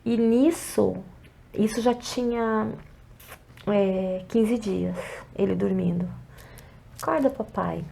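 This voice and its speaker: A woman with a Brazilian Portuguese accent, an interview guest telling an emotional personal story and acting out other people's words, often softly. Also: mid-range voice, slow, vocal fry, long pauses, a little hiss or hum. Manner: acts out quoted dialogue, often softly.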